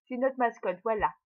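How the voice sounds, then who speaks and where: A young woman chatting casually and giggling through a haul video at home, filling her talk with little hesitations and talking to her puppy. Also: fairly high pitch. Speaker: vlogger. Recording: dull lo-fi sound.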